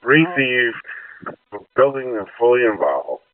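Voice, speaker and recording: A man's voice: mid-range voice, sing-song, slow, no echo. A man working as a fire dispatcher, procedurally repeating messages back over a two-way radio. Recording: distant, tinny narrowband radio channel.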